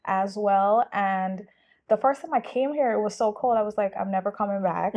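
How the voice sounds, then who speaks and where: A woman's voice: medium pitch, normal speed, lo-fi sound, crowd noise. A woman from Guyana, a journalist telling her story in a casual interview. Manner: earnest, storytelling, with fillers. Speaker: journalist guest.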